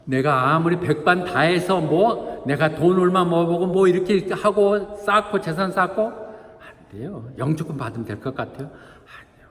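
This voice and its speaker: Male pastor, animated conversational sermon, long church-hall reverb. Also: a little high, moderate pace. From Korea. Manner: lively, chatty preaching with asides to the congregation and playful acted quotes.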